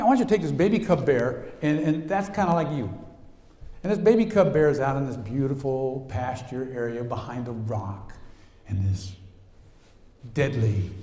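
A man preaching a sermon as pastor, telling a story with lively sound effects and swings in energy. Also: medium pitch. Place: church sanctuary. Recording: echoey church hall.

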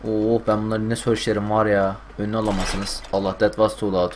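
A young man commentating a game stream live, getting loud and swearing at the game. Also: fairly low pitch, brisk, a little hiss or hum. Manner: excitable, swears, yells at the game. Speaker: gaming streamer.

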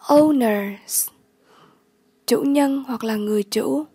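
A high-pitched woman tutor reads out vocabulary at a very slow pace. Her voice is soft, breathy and mellow. The recording is dry and close. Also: no echo. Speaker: English tutor. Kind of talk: vocabulary lesson.

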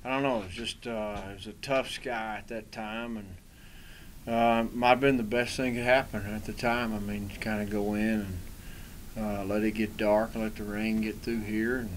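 A middle-aged man, a baseball coach, answering questions at a postgame press conference in a relaxed, rambling way with many fillers. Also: on the low side, normal speed, a little hiss or hum. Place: small press room in front of a sponsor backdrop.

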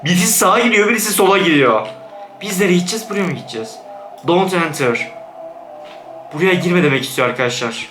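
A young man giving let's-play commentary on a horror game, jumpy, yelping in fright, then talking himself calm. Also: sits high, quick pace, long pauses, reverberant, faint music behind. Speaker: gaming YouTuber.

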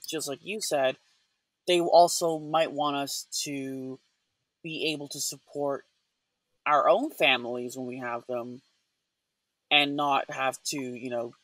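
A man's voice: mid-range voice, fairly bright tone, no echo. A man co-hosting a podcast, musing in casual chat with a thoughtful, rambling manner. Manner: thoughtful, rambling, many fillers and restarts. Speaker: podcast co-host.

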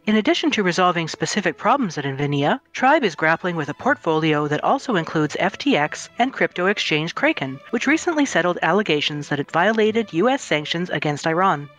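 A woman's voice: on the low side, very animated, brisk, few pauses, a bit bright, soft background music. Woman reading news in a newscaster voice. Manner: put-on newscaster voice. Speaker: podcast panelist. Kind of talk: reading a news article aloud.

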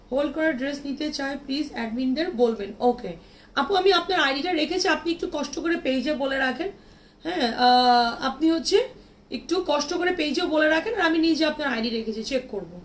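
A chatty, high-voiced woman from Bangladesh hosts a live-stream sale for her online clothing boutique. She reads out viewer comments, answers them, and mixes English words into her talk, with a little hiss or hum in the recording.

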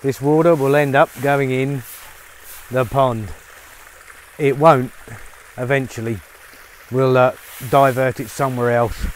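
A man's voice: mid-range voice, fairly even intonation, measured pace, long pauses, slight background noise. Chatty middle-aged man outdoors. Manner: chatty, upbeat, many fillers. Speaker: vlogger on his farm. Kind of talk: casual vlog narration to camera. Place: outdoors on a rural farm, rainy. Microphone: lapel mic.

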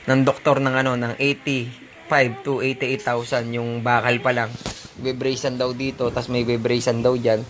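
A man, a delivery rider, telling viewers in a casual, emphatic way what happened to him. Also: mid-range voice. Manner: emphatic storytelling, addressing viewers as sir and bro. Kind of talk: casual first-person account.

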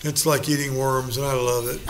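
A man's voice: medium pitch, a little hiss or hum. A middle-aged male pastor leading a Bible study, folksy and joking, acting out little quotes.

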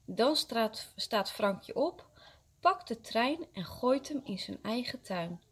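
Expressive woman reading to kindergarteners. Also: a little high, slow, husky. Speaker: kindergarten teacher. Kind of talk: reading a story aloud to young children.

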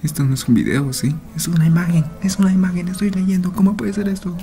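A channel host with a high, mellow voice reads a horror story aloud at a fast clip. He reacts with nervous jokes and often drops to a whisper.

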